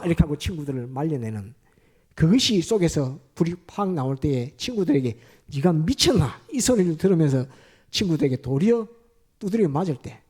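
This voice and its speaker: Dramatic preacher, high mellow voice. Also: male voice, breathy edge. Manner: leads the congregation in call-and-repeat phrases; acts out prayers and shouted lines in a dramatic preaching style. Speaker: pastor. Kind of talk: sermon.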